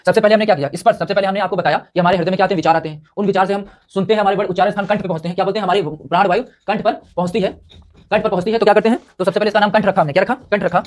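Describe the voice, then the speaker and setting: A man's voice: high voice, fairly even intonation, very fast. A man teaching a grammar lesson, who keeps asking the listener questions and then answers them himself, repeating each term several times. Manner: quizzes the listener then answers himself, drilling terms by repetition. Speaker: Hindi teacher.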